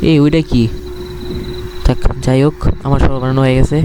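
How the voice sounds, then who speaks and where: Man, Bangladeshi accent, middle-pitched voice, scared horror game streamer, casual running commentary, jittery reactions, noticeable background noise. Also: flat delivery, brisk. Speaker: gaming streamer.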